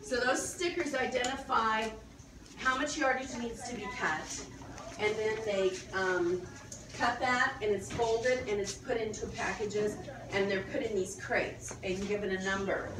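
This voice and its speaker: Her voice is a little high, with a steady tone and a measured pace, as she guides an informal tour through a large indoor warehouse and explains what she passes. The sound is echoey and noisy, recorded from a distance, and loud warehouse ambience fills the background.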